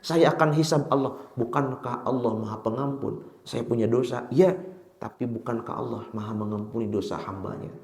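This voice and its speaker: A man with a Sundanese accent preaches in a mosque, his voice at an ordinary middle pitch. He tells his story with sudden high, loud bursts and slows down to chant verses. The room around him rings with echo. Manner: chants Quran verses slowly. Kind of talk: mosque sermon. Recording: echoey mosque hall.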